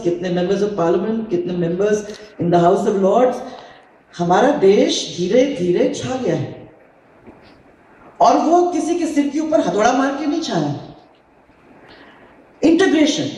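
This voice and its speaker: A woman from India, giving a deliberate, oratorical public speech to an audience in a large hall. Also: a little mellow. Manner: deliberate, oratorical, mixing Hindi and English. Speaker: political speaker. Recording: booming hall echo, voice from far off.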